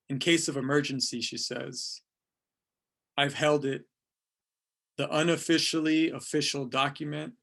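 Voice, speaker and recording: Poet, male, 30s, from California, slightly high voice, unhurried verse reading. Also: vocal fry. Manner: slow, deliberate reading of verse. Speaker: poet, featured writer. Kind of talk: casual talk and poetry reading.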